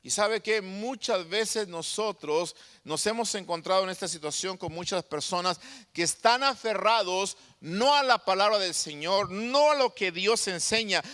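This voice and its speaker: Emphatic preacher with hall reverb. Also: male voice, sits high, sharp tone. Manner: emphatic preaching with rhetorical questions. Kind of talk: sermon.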